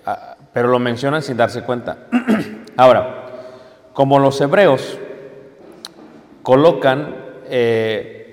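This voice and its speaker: A man teaching a class, explaining step by step and often checking in with his listeners. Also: mid-range voice. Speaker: teacher of biblical Hebrew. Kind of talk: classroom lecture. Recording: long hall reverb.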